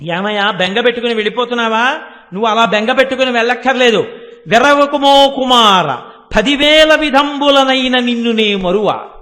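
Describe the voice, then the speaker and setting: A tender mother goddess soothes her son in slow, stretched-out chanted verse, as a male preacher voices her. The voice sits very high and rings bright. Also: animated, exaggerated voice. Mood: consoling.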